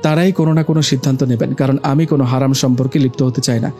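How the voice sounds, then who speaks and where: A man voicing a devout young woman who is modest and firm, speaking calmly and earnestly in a storybook reading. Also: mid-range voice, rapid-fire, faint music behind, close to an everyday voice.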